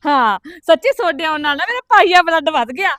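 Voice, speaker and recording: A woman's voice: very high-pitched, big pitch swings, brisk, a bit bright, no echo, clean studio sound, full character voice. An actress playing a sly, chatty young married village daughter who coaxes her family with offers of tea, speaking with a Punjabi accent. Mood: gushing. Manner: fussy, coaxing, endlessly offering tea. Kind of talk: village comedy film acting.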